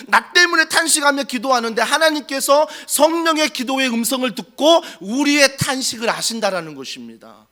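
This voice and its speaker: A man's voice: extremely high pitch, sharp tone. A male pastor preaching a sermon in a church, fervent and full of rhetorical questions. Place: church sanctuary.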